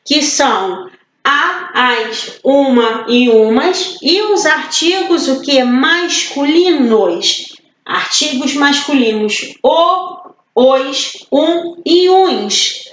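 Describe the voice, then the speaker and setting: High-voiced woman teaching slowly. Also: a bit bright, reverberant, low-quality recording. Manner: slow, patient, asks and answers own questions. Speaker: primary school teacher. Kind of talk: online class for children.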